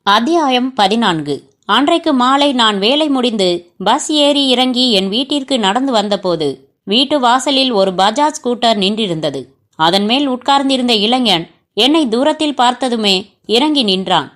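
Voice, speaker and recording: A woman reads a novel aloud in the first person. Her storytelling is steady and measured, and her voice sits fairly high. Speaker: story narrator.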